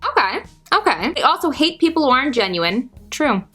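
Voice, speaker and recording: A woman's voice: high voice, sing-song, brisk, a bit bright, soft background music. A young woman in her twenties chatting casually to her viewers in a Q&A vlog, bubbly and full of "like". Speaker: YouTuber.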